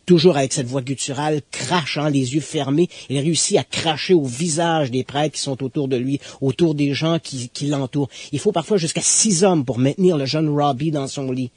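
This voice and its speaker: Guy, kinda husky, telling a creepy story, dry close mic. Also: medium pitch, darkish tone, dry recording. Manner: explanatory, builds suspense with emphatic pauses. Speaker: guest expert. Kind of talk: conversational storytelling.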